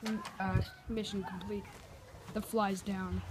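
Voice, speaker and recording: A woman's voice: medium pitch, level tone, a little slow, noisy background. A young girl talking casually through a cooking vlog, rambling and making it up as she goes, filmed on a handheld phone at home. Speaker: vlogger. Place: home kitchen and backyard. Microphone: handheld phone camera.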